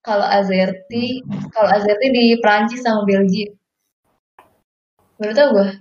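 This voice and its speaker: A young woman co-hosting a casual chat, chiming in with quick agreements and curious remarks. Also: mid-range voice, fairly even intonation, a little mellow. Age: young adult. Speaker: co-host. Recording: roomy, dull lo-fi audio.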